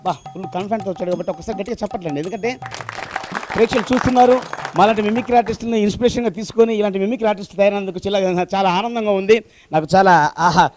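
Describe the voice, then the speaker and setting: A man's voice: high voice, racing, music in the background. A man playing a boastful senior mimicry artist in a comedy skit, teasing and talking over his junior.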